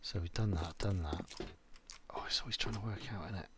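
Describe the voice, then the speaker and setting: A gaming YouTuber with a low, fairly quick male voice mutters to himself and swears mildly while playing a survival game. It's let's-play commentary, with loud game noise in the background.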